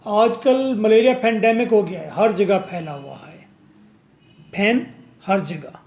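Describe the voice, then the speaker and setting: A man's voice: high-pitched, slow, a little mellow. A man teaching a vocabulary lesson, drilling words over and over and answering his own questions.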